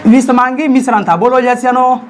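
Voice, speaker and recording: A man's voice: very high-pitched, steady tone, normal speed. A man teaching a classroom science lesson, constantly prompting his students to answer back. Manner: call-and-response, keeps prompting students to answer.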